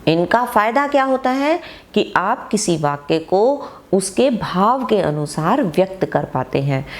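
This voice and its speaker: A woman teacher giving an online grammar lesson, who explains slowly and reads her example sentences aloud with emphasis. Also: mid-range voice.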